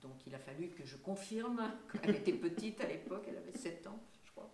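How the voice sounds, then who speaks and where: A woman's voice: fairly low pitch, expressive, fairly quick, dark tone, reverberant, slight background noise. An older woman being interviewed, talking casually and hesitantly with many fillers and light laughs. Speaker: singer and voice actress, guest.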